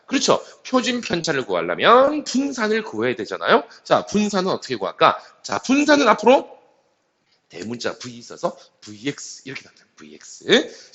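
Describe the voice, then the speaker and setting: A male math teacher lectures with a slightly high, very animated voice that rises and falls widely. He repeats key terms and uses a steady filler word to pace each step. The recording is somewhat muffled and lo-fi. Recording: slightly dull lo-fi sound.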